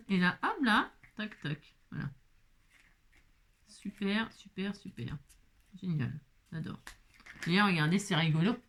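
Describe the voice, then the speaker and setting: A woman's voice: medium pitch, slow, long pauses. A woman hosting a craft tutorial, chatty and playful, talking to herself as she works and laughing often. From France. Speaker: craft video host. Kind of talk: casual craft tutorial talk.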